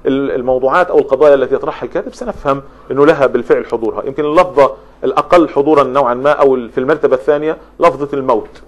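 Fast-talking male lecturer. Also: medium pitch, lo-fi sound. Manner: explanatory, lists examples, frequent restarts. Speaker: literature lecturer. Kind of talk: spoken lecture on poetry.

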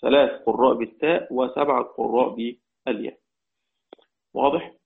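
A man's voice: mid-range voice, normal speed, gravelly. Egyptian man teaching in tinny audio. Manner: explains step by step, asks the class questions and repeats key phrases. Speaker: Quran recitation teacher. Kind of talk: lecture on Quranic readings.

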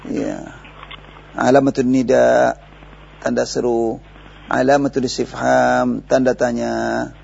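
A man's voice: mid-range voice, flat delivery, slow pace, vocal fry, long pauses, darkish tone. A man with an Indonesian accent teaching Arabic grammar in a recorded lesson, patiently explaining and quizzing his student step by step. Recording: dull lo-fi radio broadcast with faint hiss.

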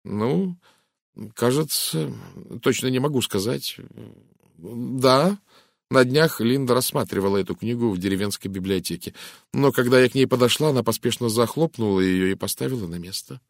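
A man voicing a puzzled young English wife in an audiobook, hesitant and sometimes sharp. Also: medium pitch, moderate pace, vocal fry, dry recording, studio quality, pitched above the performer's own voice. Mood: recalling.

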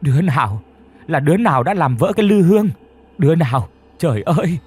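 Brief: a panicked old grandmother in an audiobook, wailing cries, husky and raised, put on by a male reader. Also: on the high side, expressive, brisk, darkish tone, voice pushed up. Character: old grandmother, frantic and shrieking.

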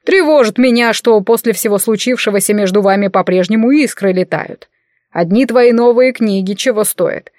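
A woman's voice: medium pitch, normal speed, a little mellow, no echo, studio quality, close to an everyday voice. A woman voicing a cheeky, fussing male familiar who is a small walking cabinet, in an audiobook. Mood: fretful.

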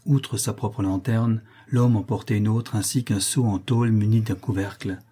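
Male audiobook reader, mellow tone with a breathy edge. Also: fairly low pitch, steady tone, moderate pace. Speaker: audiobook narrator. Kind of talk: scripted narration of a historical novel.

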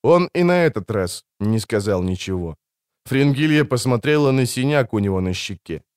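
A man narrating an audiobook in a calm, even way. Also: mid-range voice, moderate pace, smooth, no room sound, studio quality.

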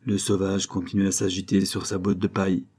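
Male audiobook narrator, measured and literary, low husky voice. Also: monotone, darkish tone. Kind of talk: scripted narration.

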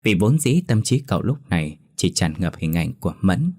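A male storyteller narrates a drama in a steady, measured manner. His voice sits very low. The reading is scripted and paced evenly. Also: dry recording, studio quality.

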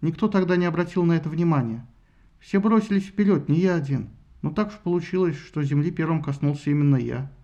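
A modest young warrior speaks gently and a little shyly to his wife, as a man reading the tale plays him. His voice is soft and plain. The recording is muffled and lo-fi. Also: a little high, fairly quick, natural voice.

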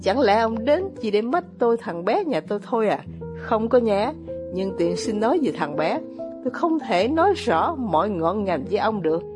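A woman reading as a poor, bitter older male ex-officer with quiet irony, in an audiobook. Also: medium pitch, big pitch swings, moderate pace, over music, close to an everyday voice. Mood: bitter, ironic.

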